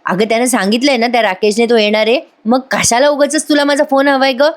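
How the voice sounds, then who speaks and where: A woman's voice: fairly high pitch, fairly even intonation, fast, pitched above the performer's own voice, natural voice. A woman voicing a bossy female prison constable who scolds brusquely. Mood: scolding.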